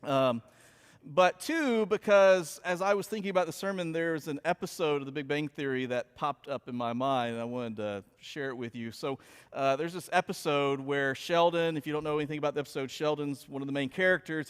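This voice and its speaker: A man preaching a sermon, opening with a chatty, animated story told to his congregation. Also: on the high side, a little fast, clean tone. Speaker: pastor. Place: church sanctuary. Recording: long hall reverb.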